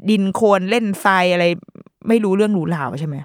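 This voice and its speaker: A woman hosting a parenting podcast in a chatty, playful way, full of fillers and quick asides. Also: medium pitch, dry recording, clean studio sound. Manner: chatty and playful, with lots of fillers and mock quoted voices. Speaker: podcast host. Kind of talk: casual parenting chat.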